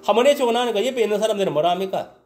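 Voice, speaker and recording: A male pastor preaching a Sunday sermon, with a fairly high voice that leaps and drops in a lively way. He peppers his preaching with questions like "understand?" and "right?", and he swings from loud exclamations down to low mutters. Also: racing. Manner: keeps asking the congregation "understand?" and "right?".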